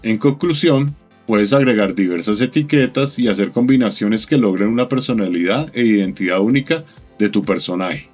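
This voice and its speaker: A man narrating a software tutorial in a calm, methodical, instructive voice-over. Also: on the low side, normal speed, soft background music.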